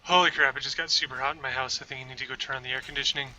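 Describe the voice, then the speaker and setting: Speaking very fast in a pushed, bright, mid-range voice with fairly even intonation, a young man rambles to chat while gaming on a home livestream. He uses a desk microphone in his room. The audio is poor, with a little hiss or hum.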